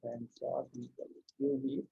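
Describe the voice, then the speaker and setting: A man's voice: medium pitch, monotone, a little slow, gravelly, dark tone. A young man with an Indian English accent teaching a live language lesson, patiently repeating words and checking in with "right?" and "okay". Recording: dull lo-fi stream audio with faint noise.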